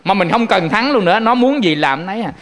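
A man's voice: high voice, lively intonation, fast talker, a bit bright, big-room sound. A man with a Southern Vietnamese accent giving a Buddhist sermon, telling folksy stories and often turning to address his listeners. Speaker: Buddhist monk preaching.

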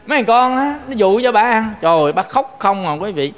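A man's voice: high voice, lively intonation, a little fast, long reverb tail. A man with a Southern Vietnamese accent giving a Buddhist sermon, telling folksy stories and often turning to address his listeners. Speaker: Buddhist monk preaching.

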